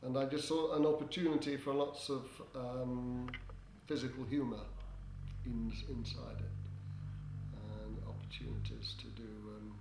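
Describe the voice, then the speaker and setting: An older man playing a theatre director answers interview questions hesitantly and haltingly, with droll, tongue-in-cheek humour. His voice is mid-range and gravelly. The room is echoey and has background noise.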